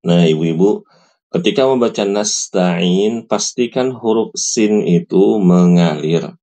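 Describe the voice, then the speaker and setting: A man guides a small recitation class, patiently repeating each phrase himself. His voice sits very low and unhurried, with a mellow, soft tone. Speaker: Quran recitation teacher. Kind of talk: online recitation lesson.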